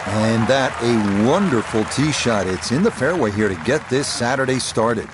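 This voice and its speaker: A man's voice: medium pitch, expressive, normal speed, a crowd in the background, background noise, lightly acted. A man giving golf commentary as the play-by-play anchor of a televised-style game broadcast, with a polished announcer delivery.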